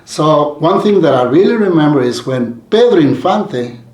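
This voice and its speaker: A man's voice: a little high, animated, moderate pace, a little mellow. A man from Mexico telling his life story in an interview, rambling with many restarts and fillers. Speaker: community leader guest. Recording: roomy echoey sound.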